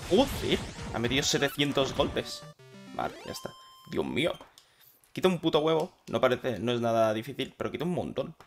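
A man's voice: mid-range voice, big pitch swings, fairly quick, soft background music. A man with a Spain Spanish accent giving casual, swearing commentary while playing a video game. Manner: swearing, chatty, talking to himself while playing. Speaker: gaming channel host.

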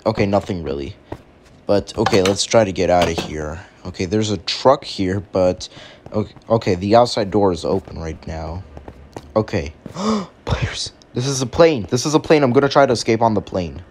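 A man doing excitable gaming commentary, talking to his viewers and often repeating "oh my goodness". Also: normal speed, slight background noise. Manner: excitable, addresses viewers as players, frequent squealing jumps in pitch. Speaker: gaming YouTuber. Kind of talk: Minecraft let's-play commentary.

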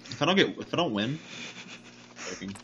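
Young dude trash talking friends on voice chat, bouncy voice, lots of noise on the mic. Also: male voice, mid-range voice, expressive, a little fast, sharp tone, muffled recording. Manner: teasing, slangy, mock insults. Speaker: card game player. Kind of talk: casual voice chat while gaming.

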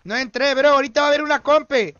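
A man's voice: extremely high pitch, quick pace, a bit bright, highs cut off. A young Mexican man streaming a shooter game, joking and teasing his teammates in slangy banter. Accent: Mexican Spanish. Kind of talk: livestream gaming chat.

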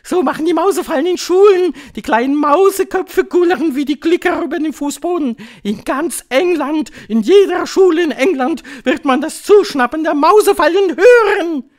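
Grand High Witch, shrill gloating old witch, man reading. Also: moderate pace, hardly any pauses. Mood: triumphant, thundering. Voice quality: shrill, thundering. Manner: gloating, commanding, clipped declarations. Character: shrill, triumphant, cruel old female witch queen. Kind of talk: audiobook reading.

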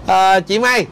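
A woman's voice: mid-range voice, a little hiss or hum. A woman interviewer with a Southern Vietnamese accent, asking questions in a teasing, playful way. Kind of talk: casual interview.

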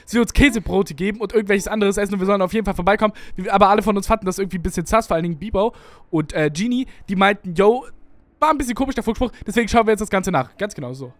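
His high voice races along with a fairly bright tone in a dry recording as this young Berliner narrates a video game playthrough for his channel. He's chatty, rambling, and self-deprecating, sitting at an indoor home gaming setup with headphones and a studio mic on an arm.

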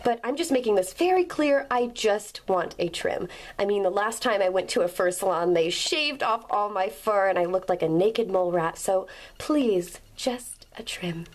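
A woman's voice: medium pitch, animated, normal speed, close to an everyday voice. A woman voicing a fussy, anxious female pet cat who worries about her fur and insists, repeating herself, in a toy pet video role-play. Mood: worried.

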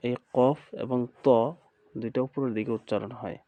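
A man with a Bangladeshi Bengali accent teaching Quran recitation in a slow recorded lesson, chanting letter sounds in rhythm and repeating drills. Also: mid-range voice, fairly even intonation, dry recording, narrow, tinny audio.

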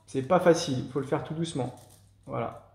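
A host leading a casual home cooking demonstration, gently encouraging children as they help, with a relaxed, hesitant delivery. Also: medium pitch, fairly quick. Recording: echoey room with faint noise.

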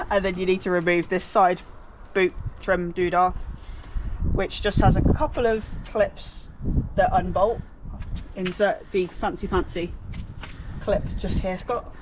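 A young British woman with a lowish, fairly even voice speaks slowly and pauses often as she presents a car DIY guide as a vlogger. Her hands-on tutorial is casual and jokey, full of playful, self-deprecating slang, recorded noisily outdoors on a residential street, both outside and inside a car.

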